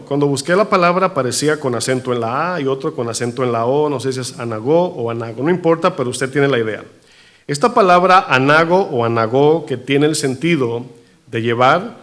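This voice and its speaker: A man preaching a sermon in a church, animated, asking the congregation rhetorical questions. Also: medium pitch. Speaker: pastor.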